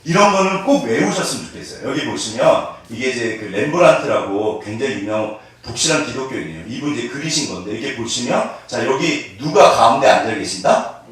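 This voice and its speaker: A man's voice: mid-range voice, a little fast, hardly any pauses. A male pastor preaching a sermon, often putting questions to his congregation. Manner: animated, asks the congregation questions. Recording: echoey room from far off.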